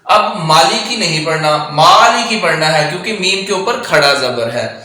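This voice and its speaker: A man teaching Quran recitation. He explains each rule quickly, then recites the verse slowly and draws it out. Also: a little high, animated, bright, forceful tone. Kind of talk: tajweed lesson. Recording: very echoey room.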